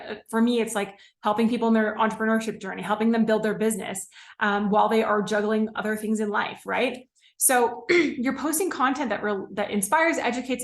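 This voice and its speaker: A young woman from California, a business coach teaching on a live stream in a casual way, often saying "like", "okay?" and "right?". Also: fairly high pitch. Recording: echoey room.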